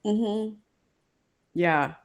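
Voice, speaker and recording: A woman's voice: mid-range voice, very slow. A middle-aged woman hosting a casual conversation, chatty and laughing easily, sometimes trailing off mid-sentence. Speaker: host.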